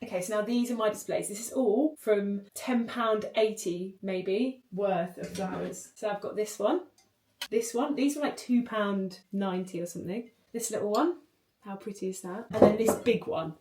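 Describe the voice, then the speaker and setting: A woman's voice: medium pitch, moderate pace, background noise. A British woman in her thirties chatting casually to camera at home, rambling and full of "like". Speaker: vlogger. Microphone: distant camera mic. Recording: roomy, distant home recording.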